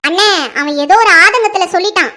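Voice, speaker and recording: A woman's voice: very high voice, fast, pushed and bright. A woman playing a protective mother who defends her son in a family drama. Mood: defensive. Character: protective middle-aged mother.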